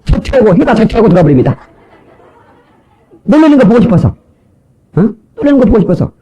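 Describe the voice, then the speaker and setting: A male pastor delivers a sermon in a church with a joking, playful delivery. His voice sits high and moves all over its range. The tone stays dark and mellow rather than bright. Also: very animated, fast talker, low-quality recording.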